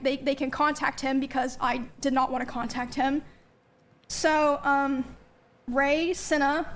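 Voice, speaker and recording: A young woman, a streamer, giving a candid spoken account of her own experiences, hesitant and full of ums and likes. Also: high voice. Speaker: streamer recounting personal events.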